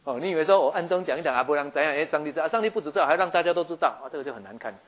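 A man giving a lively sermon, acting out scenes and often checking that his listeners follow. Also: on the high side, very fast. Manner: animated, acts out scenes, keeps asking listeners if they follow. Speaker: preacher.

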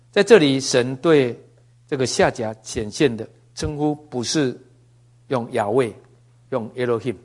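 A man's voice: mid-range voice, darkish tone. A man teaching from the Bible in a conversational sermon, folksy and joking, with asides and fillers. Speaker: preacher.

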